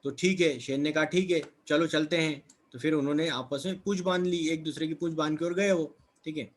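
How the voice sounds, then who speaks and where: Questioning male teacher, fairly high voice. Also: fairly even intonation, a little fast. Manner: asks questions then answers them, repeats words with "है ना" and "ठीक है". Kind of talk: explaining a textbook lesson.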